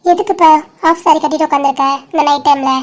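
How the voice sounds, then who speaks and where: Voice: high-pitched, steady tone, quick pace, close to an everyday voice. A caring but bossy young woman in a cartoon voiced by a performer speaks. She scolds and nags insistently, with a teasing edge. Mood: scolding. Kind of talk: dramatic cartoon dialogue.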